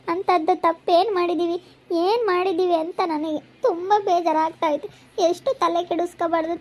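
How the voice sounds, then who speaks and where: A woman acting a tearful young pregnant wife who keeps complaining about how her family hurts her, speaking while crying. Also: extremely high pitch. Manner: plaintive, complaining. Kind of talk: amateur family drama.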